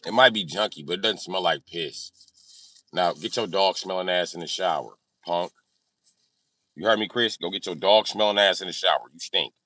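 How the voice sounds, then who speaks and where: A man chats casually on a livestream in a low voice with a sharp tone and moderate pace, reading and answering comments. He's brash and jokey, using slang and swearing heavily. The sound is clean studio audio with no echo.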